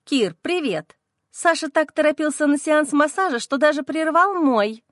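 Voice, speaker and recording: A woman voicing a sharp-tongued, mocking young woman in an audiobook, with a sugary, singsong tone. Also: sits high, expressive, moderate pace, dry recording, clean studio sound.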